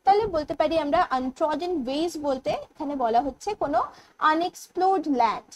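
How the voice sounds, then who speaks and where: High-voiced Bengali woman teaching English. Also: lively intonation, a little mellow, a little hiss or hum, rough recording. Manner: explains in Bengali mixed with English terms, reads poem lines slowly. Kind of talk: online exam-prep lecture.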